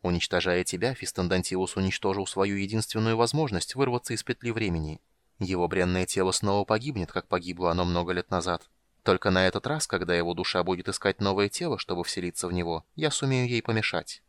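A man reading the lines of a cold, commanding female goddess in an audiobook, slow and measured. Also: deep voice, lightly acted. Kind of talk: audiobook character voice.

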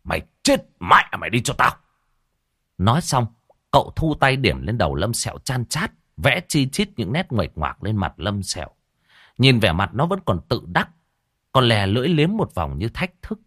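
A man narrating a ghost story audiobook with lively, expressive storytelling. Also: medium pitch, moderate pace, dry recording, clean studio sound.

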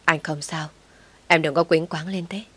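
A woman voicing a dying man's gentle murmur. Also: low voice, steady tone, moderate pace, breathy edge. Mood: tender. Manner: weak, breathless murmur. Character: dying young man, gentle and tender.

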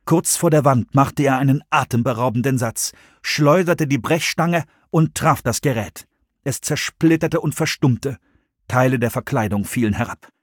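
A man reading a thriller audiobook in a measured storytelling manner. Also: medium pitch, no echo, studio quality. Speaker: audiobook narrator. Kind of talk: scripted narration.

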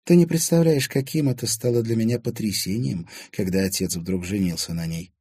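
A man's voice: fairly low pitch, brisk, warm tone, slightly rough, no room sound, studio quality. A man voicing a friendly, frank young woman confiding in her brother.

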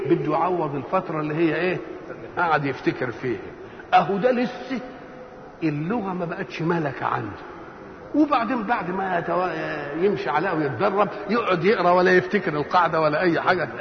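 An older man with an Egyptian accent giving a colloquial Quran commentary lesson, asking rhetorical questions and acting out everyday examples. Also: a little high. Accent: Egyptian Arabic. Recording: echoey hall, dull lo-fi tape, faint hiss.

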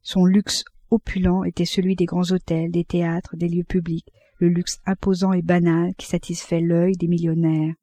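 A woman reading a classic novel aloud as audiobook narration, in a measured, unhurried manner. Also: on the low side, little pitch movement, mellow, no room sound. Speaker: audiobook reader.

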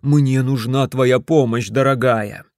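Storybook part: man reading as a desperate, whining middle-aged stall owner, raised and loud, dry sound. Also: mid-range voice, steady tone, slow, no echo, natural voice. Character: frantic middle-aged husband, a beach stand owner.

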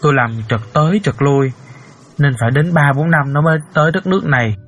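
A man's voice: a little high, a little fast, a bit bright. An actor playing a middle-aged father who earnestly recounts a painful story. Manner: earnest storyteller, cries out in emotion. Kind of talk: audiobook character acting.

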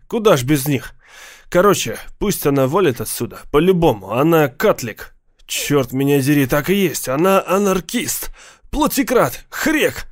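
Male reader as loud, higher-voiced jeering gang kid in an audiobook. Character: rowdy foul-mouthed teen gang boy.

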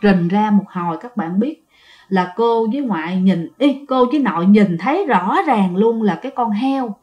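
A woman's voice: mid-range voice, animated, normal speed, lo-fi sound. A woman narrating listener-sent ghost stories in a chatty way, speaking straight to her listeners. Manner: chatty, addresses listeners directly.

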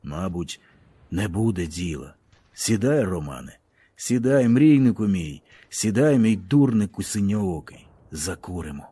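A man's voice: measured pace, breathy edge, exaggerated voice. A man doing a weary, feverish wounded soldier. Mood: weary, wry. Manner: calm, low, wry. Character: wounded calm male soldier, weary and ironic.

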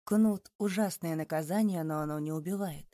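Woman reads a sorrowful police chief, slow and grave, mellow tone. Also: low voice, dry recording, clean studio sound, close to an everyday voice. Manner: measured, regretful.

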